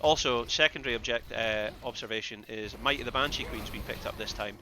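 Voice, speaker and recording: A man giving excitable live play-by-play commentary on an esports match, with bursts of loud exclamations. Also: medium pitch, fairly quick, a little hiss or hum. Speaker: esports caster.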